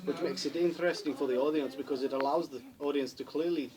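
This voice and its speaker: A late-teen male student with a slightly high voice and a steady tone reads prepared answers for a school interview, talking fast but often stumbling and restarting words. He's in a busy, noisy classroom with chatter behind him.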